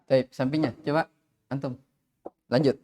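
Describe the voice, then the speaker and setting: A man teaching tajwid in a live online class, drilling Arabic syllables slowly and calling on students to recite. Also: medium pitch, fairly even intonation, darkish tone. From Indonesia.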